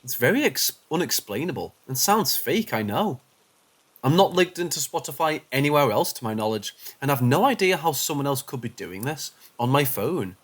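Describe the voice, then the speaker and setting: A man narrating first-person paranormal stories as scripted narration, dropping low and quiet for the tense moments. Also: sing-song, moderate pace.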